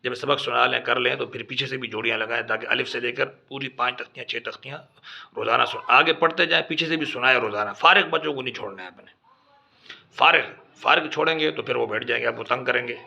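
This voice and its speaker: In this instructional talk, a man with a gravelly, sharp mid-range voice shows fellow teachers how to teach children Quran reading. He spells out the drill syllables patiently, one at a time, on a dull lo-fi recording.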